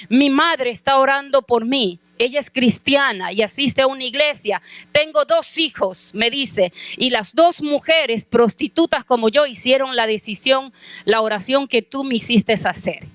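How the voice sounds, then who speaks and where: A pastor's wife preaching a sermon, telling a personal testimony and asking the congregation questions directly. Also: female voice, sits high, fairly bright tone, no room sound.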